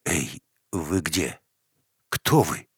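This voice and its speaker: A man's voice: very deep voice, animated, extremely slow, breathy edge, dry recording, studio quality, full character voice. A man voicing a confused, defensive middle-aged working man in an audiobook story. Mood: bewildered.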